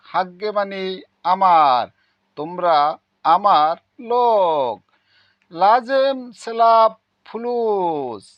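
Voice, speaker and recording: A man teaching vocabulary, slowly repeating each word and its meaning in a drilling lesson. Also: sits high, no room sound. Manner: slow, repetitive drilling of words and meanings. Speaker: language teacher. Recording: dull lo-fi sound, dry.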